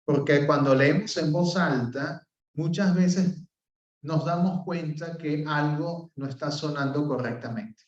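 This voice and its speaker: A man's voice: fairly high pitch, measured pace. Man, Venezuelan accent, professor giving a lecture, echoey room, distant dull recording. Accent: Venezuelan Spanish. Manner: explanatory, frequent "eh" and checking "¿ok?". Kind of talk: open class lecture. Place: classroom. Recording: roomy, distant, dull sound.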